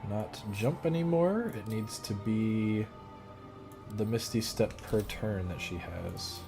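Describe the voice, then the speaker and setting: A man's voice: on the low side, takes it slowly, creaky, over music. A man casually commentating his gameplay, thinking aloud and muttering his plans as he goes. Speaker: gamer.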